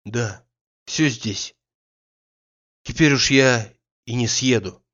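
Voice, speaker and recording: A man reading the part of a weary, timid grown man who answers quietly and pleadingly, in a slightly dull recording. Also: medium pitch, takes it slowly. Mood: sad.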